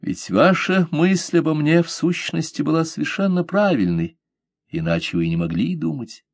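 A man voicing a courtly pirate captain who speaks calmly, courteously and with gentle irony. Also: a little high, normal speed, dry recording, studio quality, voice pushed up.

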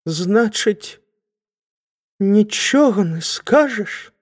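A woman's voice: mid-range voice, lively intonation, very slow, voice pushed up. A woman voicing an anxious young man who talks hesitantly and pleads. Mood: pleading. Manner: hesitant, wheedling.

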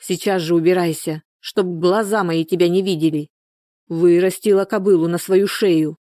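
A woman's voice: on the low side, steady tone, normal speed, warm tone, dry recording, studio quality, natural voice. A woman reading the part of a hot-tempered village wife and mother who scolds sharply. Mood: scolding.

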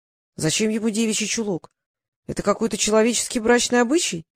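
A woman's voice: a little high, fast, no echo. A bashful young dragon-turned-man from a fantasy storybook, read by a woman. He talks in an easy, casual way, sheepish one moment and a little boastful the next. The voice is dry and close. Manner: embarrassed, casual. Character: young male dragon in human form, shy and boastful.

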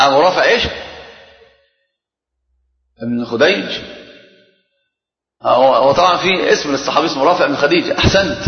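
Fast, high-voiced man teaching in echoing hall. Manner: animated storyteller who quizzes his students. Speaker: Islamic scholar teaching a class. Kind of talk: religious lesson with storytelling. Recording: echoey hall, dull lo-fi sound.

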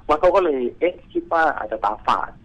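A man telling a ghost story in a casual, rambling way, repeating words and filling gaps with fillers, and acting out the shouts of the people in it. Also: on the high side, lively intonation, fast, low-quality recording. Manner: acts out the quoted shouts.

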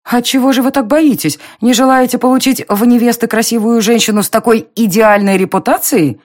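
A narrator playing a quick-tempered young woman in an audiobook reading, with a sharp and indignant delivery. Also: medium pitch, expressive, no room sound, studio quality, pitched above the performer's own voice, natural voice.

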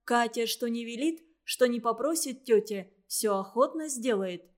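Woman narrator, slightly high voice, even storybook reading. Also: measured pace. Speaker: audiobook narrator. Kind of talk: scripted narration of a children's story.

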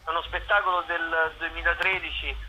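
An actor and playwright explains his own show in a conversational radio interview, often repeating the openings of his phrases. His voice is a little high, brisk and sharp, with little pitch movement. The recording is rough, with a bit of hiss or hum.

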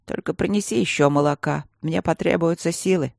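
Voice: medium pitch, a little fast, creaky, no room sound, clean studio sound, close to an everyday voice. An audiobook reader voicing a grave, weary adult male mage who speaks curtly.

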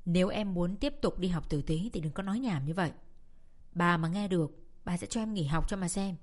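A woman's voice: lowish voice, brisk, natural voice. A woman voicing a kindly house cook who coaxes and soothes a young girl in a dramatic audiobook reading. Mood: coaxing. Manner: soothing, coaxing.

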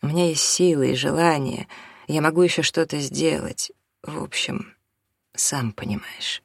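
A reader voicing a middle-aged father who justifies leaving his family, speaking lower than the narration in a pleading, defensive way. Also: steady tone, normal speed, vocal fry, no room sound, clean studio sound. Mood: confessional. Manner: pleading, defensive, rising to near shouting. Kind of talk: audiobook character reading.

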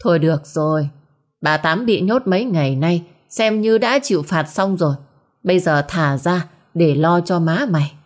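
A woman's voice: lowish voice, normal speed, close to an everyday voice. A woman voicing a stern, commanding old patriarch in a storybook. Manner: commanding, firm.

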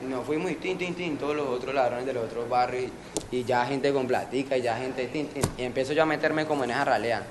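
A man's voice: medium pitch, fairly even intonation, quick pace. A Colombian man in his early twenties being interviewed, telling a rambling street story full of slang and sound effects. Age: early 20s. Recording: noisy background.

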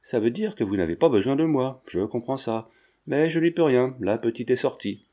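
A man's voice: mid-range voice, lively intonation, normal speed, warm tone, natural voice. A man voicing a brash, joking male painter who talks in teasing, slangy banter.

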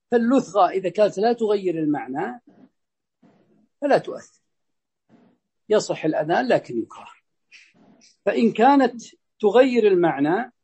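A man teaching a religious lesson, explaining a legal text in a measured way and saying sample pronunciations aloud. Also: sits high, darkish tone, breathy edge.

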